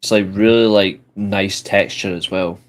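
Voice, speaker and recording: A man's voice: lowish voice, fairly even intonation, measured pace. A man, chatting casually on a podcast in a blunt, joking way and swearing freely. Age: 20s. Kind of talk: casual chat.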